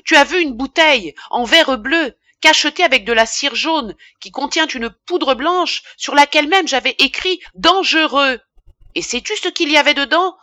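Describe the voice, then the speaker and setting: Audiobook figure: woman reader doing an irascible, self-important male pharmacist, loud indignant tirades, bright tone. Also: mid-range voice, animated, a little slow, no echo, studio quality. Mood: furious. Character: pompous middle-aged male apothecary, irascible.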